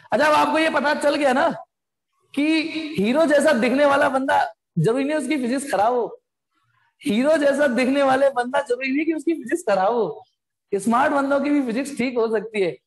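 A man with a very high voice teaches a live online physics class at a fairly quick pace. He's chatty, calls his students "beta," and drops in slangy asides. The room is echoey, with long reverb.

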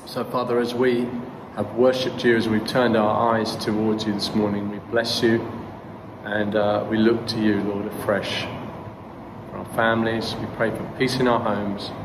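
A middle-aged man leading a spoken congregational prayer as pastor, measured and earnest with pauses. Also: lowish voice, flat delivery. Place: church hall with brick walls. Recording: roomy hall echo, background noise.

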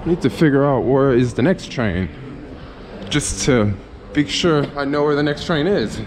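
A man's voice: mid-range voice, animated, unhurried. A young American man casually talking through a train trip and a walk around a city, easygoing and upbeat. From United States. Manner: easygoing, upbeat, thinking aloud. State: short on sleep. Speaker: travel vlogger. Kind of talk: casual travel vlog. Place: trains, stations and city streets. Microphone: camera-mounted mic, handheld wide-angle. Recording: noisy handheld camera audio outdoors. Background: station and street noise.

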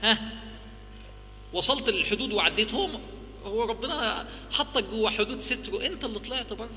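Animated Egyptian preacher in an echoey hall. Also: male voice, high-pitched, a little fast. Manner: animated, rhetorical questioning. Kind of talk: religious talk to a live audience. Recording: echoey hall with faint hum.

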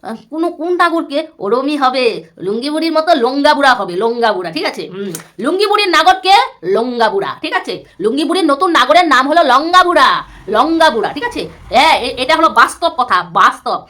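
Woman vlogger, angry roast rant, insulting and repetitive; rapid, high delivery. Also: animated, pushed and bright. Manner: scolding, insulting, repeats herself a lot. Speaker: YouTuber.

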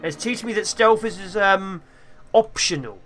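A man's voice: high-pitched, moderate pace, faint music behind. A man giving playful, theatrical gameplay commentary as a gaming video host. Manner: excitable, theatrical.

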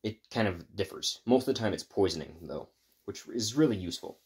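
A man's voice: fairly low pitch, expressive, brisk, darkish tone, husky. A man improvising a fan story, rambling with frequent stops and restarts as he retells it. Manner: rambling, stop-and-start retelling.

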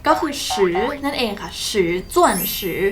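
A woman's voice: on the high side, sing-song, moderate pace, fairly bright tone, slight background noise. A young woman giving a casual language lesson, chatty and playful, often asking her viewers questions and adding little sound effects. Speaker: online Chinese tutor. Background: background music.

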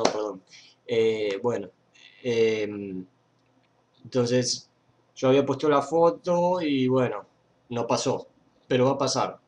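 Medium in pitch and darkish in tone, a young man's voice carries an Argentine Spanish accent as he hosts a fan page's informal webcam news chat. He sits indoors at a computer, rambling with frequent fillers and false starts into the webcam mic.

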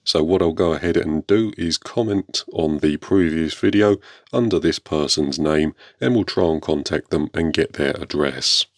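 Very deep-voiced man, dry sound. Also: normal speed, no room sound. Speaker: YouTube airgun channel host. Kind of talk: scripted-sounding product showcase narration to viewers.

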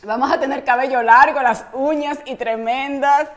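A woman's voice: sits high, steady tone, moderate pace. A woman hosts a casual live cooking stream from her home kitchen, chatting, laughing often and answering viewer comments. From Latin America. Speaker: cooking vlog host and coach.

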